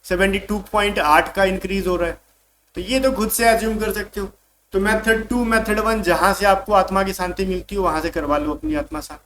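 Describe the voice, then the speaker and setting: A male math teacher giving an exam-prep lesson in a casual tone, calling students "bhai" and reading English questions slowly. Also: high-pitched, fairly even intonation, a bit bright, slight background noise.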